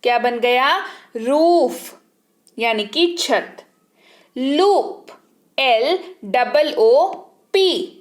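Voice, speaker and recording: Slow, high-voiced woman teacher. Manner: spells words letter by letter, repeats each word with its meaning. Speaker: English teacher. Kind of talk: slow teaching lesson, spelling words aloud.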